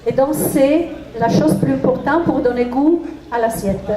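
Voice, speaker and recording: A woman's voice: sits high, moderate pace. A woman from Italy with an Italian accent and foreign-sounding, imperfect French, explaining a recipe in a live cooking demonstration. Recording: echoey room with crowd noise.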